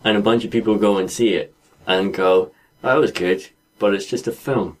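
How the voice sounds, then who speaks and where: A man's voice: lowish voice, moderate pace, low-quality recording. A man co-hosting a podcast, telling stories and musing in casual chat with light laughs. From Scotland. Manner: thoughtful, storytelling, light laughs. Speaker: podcast co-host.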